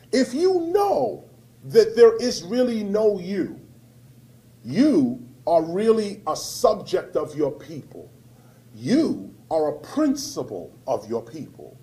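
An American man addresses a live audience, his voice riding high and leaping all over the place. The tone stays mellow rather than bright even at full force. He hammers his points with repetition and swings from loud to hushed. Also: low-quality recording. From United States. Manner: emphatic, repeats key phrases, swings between loud and hushed. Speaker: rapper speaking to an audience. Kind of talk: impassioned public talk.

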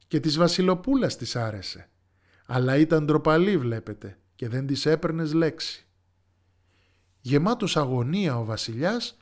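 A man storyteller reading a fairy tale aloud in a lively, expressive way. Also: fairly high pitch. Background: soft music.

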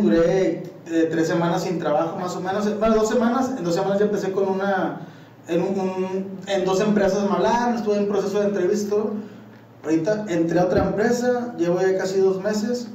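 A man's voice: sits high, warm tone, highs cut off, a little hiss or hum. Mexican man telling a rambling story. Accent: Mexican Spanish. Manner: slangy, rambling storytelling with many fillers. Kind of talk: casual chat. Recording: echoey room, far from mic.

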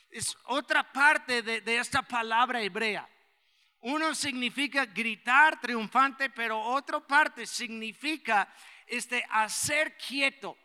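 High-voiced man preaching in an echoing hall. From United States. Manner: preaching with rising shouts for emphasis. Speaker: pastor. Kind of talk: sermon. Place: church. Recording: long church hall reverb.

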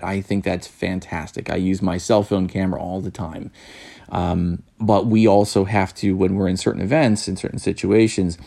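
A man with a low, gravelly voice talks casually as a wedding photographer giving advice. He rambles, circles back and repeats himself, and he gets blunt and a little worked up. The tone stays loose and conversational. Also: mellow. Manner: rambling, many restarts and repeated words.

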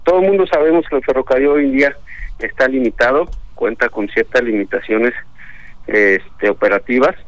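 A man's voice: medium pitch, moderate pace, a bit bright, dry recording. A man calling in to a radio talk show over a telephone line, airing an earnest, aggrieved complaint with many hesitant fillers. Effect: heard over a telephone line as a radio caller. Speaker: phone-in caller, transport union leader.

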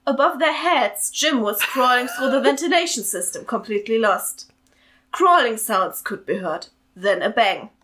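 A woman's voice: fairly high pitch, normal speed, bright, forceful tone, slight background noise, low-quality recording. A woman hosting a podcast, reading her own story aloud and chatting between passages with amused laughter. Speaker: story author and podcast host.

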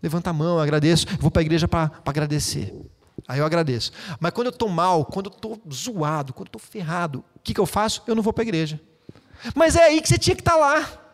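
A man preaching a sermon as pastor, lively and conversational, with playful asides to the congregation. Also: a little high, fast talker, big-room sound. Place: church hall.

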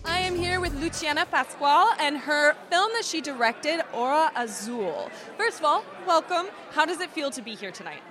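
A woman's voice: high-pitched, animated, moderate pace, few pauses, music in the background. A woman hosting red carpet interviews in an upbeat, enthusiastic way.

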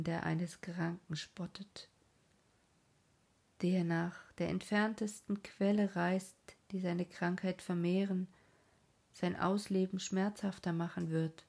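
A woman reads a story aloud as a whispered role-play, mournful and unhurried. Her whisper is husky and gravelly. It sits low. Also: darkish tone. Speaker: reader.

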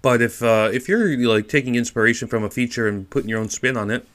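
A man co-hosting a tech podcast, giving relaxed, opinionated takes in casual chat. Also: medium pitch, fast talker. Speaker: podcast co-host.

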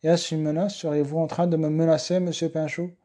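A man's voice: fairly high pitch, little pitch movement, quick pace, dark tone, close to an everyday voice. Man doing a stiff, indignant male lawyer. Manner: stiff, offended, formal.

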